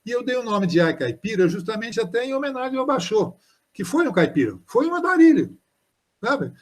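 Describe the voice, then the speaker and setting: Homem de voz aguda, falando com hesitações. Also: male voice, high-pitched, very animated. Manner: thoughtful, reads poems aloud slowly, frequent hesitations and "né?". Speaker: poet and author presenting his book. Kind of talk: informal literary talk on a live stream. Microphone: live stream microphone.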